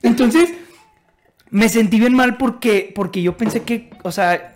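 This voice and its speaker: A man with a Mexican Spanish accent telling family anecdotes in a casual podcast chat, animated and rambling, restarting his sentences. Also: extremely high pitch, measured pace, faint music behind. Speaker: podcast co-host.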